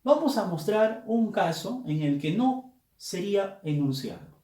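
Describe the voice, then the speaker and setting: Male teacher, slow and methodical explainer, lively, animated pitch, roomy echo. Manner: slow, deliberate, explanatory, stressing key words. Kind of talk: recorded grammar lesson.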